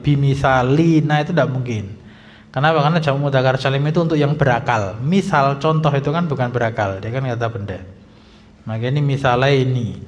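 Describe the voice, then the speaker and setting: A male Islamic teacher giving a grammar lesson in a mosque, reading text slowly, then explaining briskly and quizzing his students. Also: medium pitch. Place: mosque hall. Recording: dull lo-fi sound in a reverberant hall.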